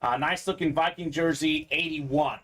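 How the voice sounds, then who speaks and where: A man hosting a live sports memorabilia break, talking in a bright, fairly high register. He keeps up a quick, chatty patter and reads viewer comments aloud. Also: fairly even intonation. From Bulgaria. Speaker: sports card break host. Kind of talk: live-stream sales patter.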